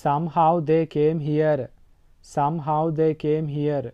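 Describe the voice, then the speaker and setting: A man with a Telugu accent teaching English phrases, saying each sentence slowly and repeating it. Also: a little high, flat delivery, smooth, lo-fi sound. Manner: slow, deliberate repetition. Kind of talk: slow sentence drill, Telugu then English twice.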